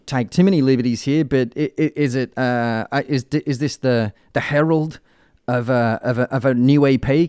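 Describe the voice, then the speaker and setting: A man hosting a casual music interview, with halting, meandering phrasing and jokey, mock-grand wording. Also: medium pitch, darkish tone, clear, resonant tone, no room sound, studio quality. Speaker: radio show host.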